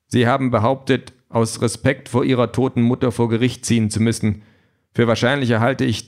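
A man voicing a calm, precise male android politician who explains everything in a measured, matter-of-fact way, in an audiobook. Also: medium pitch, lightly acted. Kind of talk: audiobook reading.

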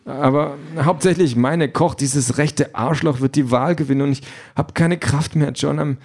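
A man's voice: a little high, normal speed, darkish tone, pitched above the performer's own voice. A man voicing an exhausted, frustrated female campaign manager who swears bluntly, in a raised voice from an audiobook reading. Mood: despairing.

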